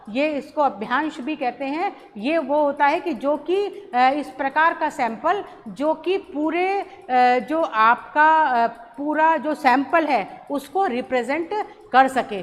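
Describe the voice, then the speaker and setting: A woman college lecturer giving a recorded lesson, explaining slowly with many pauses and restarts. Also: sits high. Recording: roomy hall echo, faint ambience.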